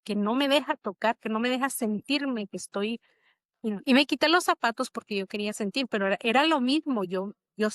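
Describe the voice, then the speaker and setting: Middle-aged woman, interview guest, reflective storytelling, fairly high voice, dry close sound. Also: brisk, a bit bright, dry recording. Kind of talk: conversational interview.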